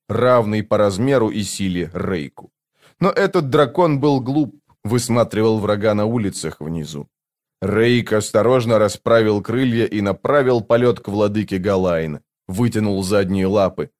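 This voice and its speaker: A man narrating a fantasy audiobook in an even, measured storytelling manner. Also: on the low side.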